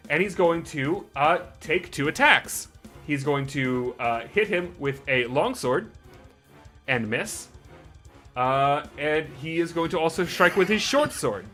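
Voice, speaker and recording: Male game master, bright and slightly high voice, cussing his way through combat, faint music behind. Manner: brash and profane, explaining rules. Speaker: dungeon master. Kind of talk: narrating a tabletop game.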